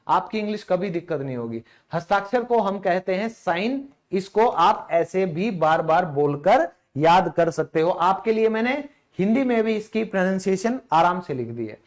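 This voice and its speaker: A man teaching an online English lesson in a chatty way, slightly hoarse, quizzing viewers with rhetorical questions and slowing down to pronounce words. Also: sits high.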